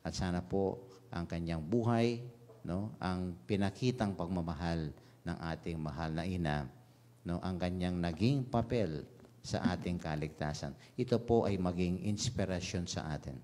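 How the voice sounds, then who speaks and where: A Filipino parish priest preaches a homily in a low, dark voice at an unhurried pace. He moves freely between English and his own language, tagging his phrases with a questioning "no?" The delivery is mellow and pastoral, aimed at a radio congregation. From Philippines. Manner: switches between Tagalog and English, frequent "no?" tags. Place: radio station chapel.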